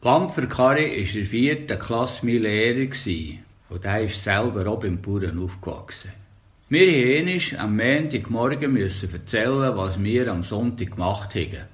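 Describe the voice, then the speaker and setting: An older man from Switzerland's Bernese Oberland calmly reads his memoirs and dialect tales in a Bernese German accent. A storyteller, he speaks at a normal speed with a fairly low pitch.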